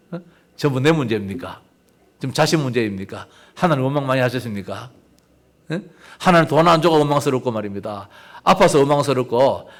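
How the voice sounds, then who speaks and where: An older man with a mid-range voice preaches a sermon as pastor, speaking conversationally and putting rhetorical questions to the congregation.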